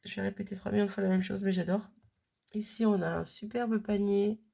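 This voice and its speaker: A woman's voice: medium pitch, fairly even intonation, brisk, gravelly, warm tone. A woman chatting casually as she unboxes a craft gift, gushing and repeating her delight as she goes.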